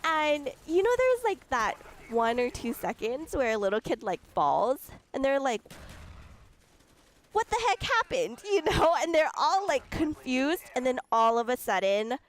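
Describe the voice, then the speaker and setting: A woman's voice: high-pitched, very animated, moderate pace, hardly any pauses. A young woman telling a casual, chatty story over gameplay, giggling and filling her talk with likes and ums. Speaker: gaming video creator.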